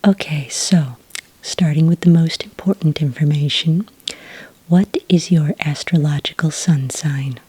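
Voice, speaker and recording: Here the same kind of ASMR roleplay comes through a rough recording: an enrollment witch, patient and polite, talks in a low, mellow, extremely breathy half-whisper. Her unhurried official patter carries small hesitations as she notes details, with keyboard typing audible behind her.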